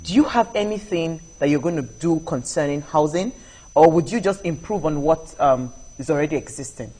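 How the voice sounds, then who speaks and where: A woman's voice: sits low, normal speed, warm tone, poor audio. A woman with a Nigerian accent, a talk show co-host asking questions in a chatty way, with many fillers. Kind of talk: studio talk show interview.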